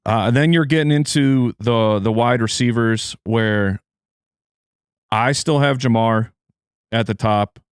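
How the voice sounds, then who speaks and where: A man's voice: mid-range voice, slow, smooth, dry recording, studio quality. A man, a fantasy football analyst, chatting casually in an interview with loose, restart-heavy phrasing.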